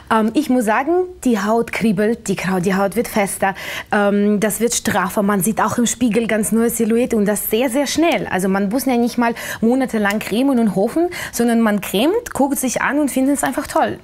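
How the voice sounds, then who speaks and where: A woman's voice: on the high side, moderate pace, darkish tone. A woman in her thirties giving an infomercial testimonial as an interview guest in a TV studio.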